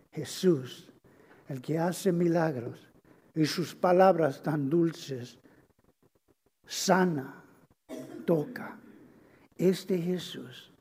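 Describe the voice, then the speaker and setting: A pastor preaches in a high, mellow voice, moving from hushed low passages to loud proclamations and repeating his key phrases. He speaks slowly and sometimes stumbles over a word. A long reverb from the church hall trails every line. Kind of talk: sermon.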